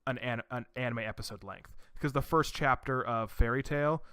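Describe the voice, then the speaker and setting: Guy hosting a chill podcast, smooth clear voice, dry room, talks in loops and restarts. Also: mid-range voice, normal speed, a bit bright, no room sound. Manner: rambling, enthusiastic, many restarts. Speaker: podcast host. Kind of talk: casual chat.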